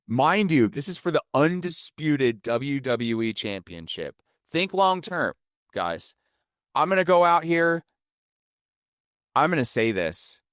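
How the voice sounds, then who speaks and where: A male podcast host with a smooth, clean voice, recorded dry and close with no room sound. His talk is playful and animated, and his pitch swings widely, the way an announcer hypes a big match. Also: slow pace, no room sound. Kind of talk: casual wrestling podcast chat.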